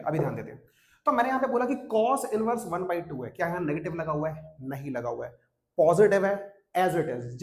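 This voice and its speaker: A young man teaching a maths class at a whiteboard, brisk and coaxing, often checking that students follow. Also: on the high side. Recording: echoey classroom.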